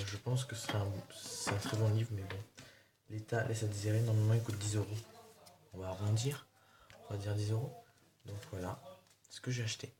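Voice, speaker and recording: A man chatting casually in a haul video, showing his purchases with a rambling, hesitant delivery full of fillers. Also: fairly low pitch. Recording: noisy home recording.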